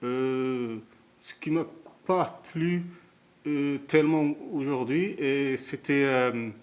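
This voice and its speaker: A man's voice: mid-range voice, slow pace. A man giving his spoken opinion on a football match, hesitant, with many fillers and restarts. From Canada, Montreal area. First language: Moroccan heritage; first language not stated. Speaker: amateur football commentator. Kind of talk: casual spoken match analysis.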